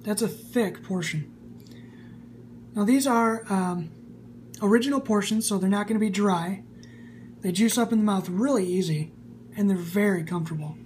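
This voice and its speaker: A man's voice: sits high, moderate pace, long pauses, darkish tone. A man in his twenties giving a casual, enthusiastic product review, recorded indoors on a camera. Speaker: snus reviewer. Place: small room indoors. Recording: faint background hum.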